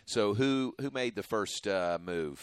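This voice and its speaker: A man's voice: lowish voice, animated, measured pace, clear, resonant tone, no room sound. A man co-hosting a podcast in a jokey, chatty way. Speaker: podcast co-host. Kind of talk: casual interview chat.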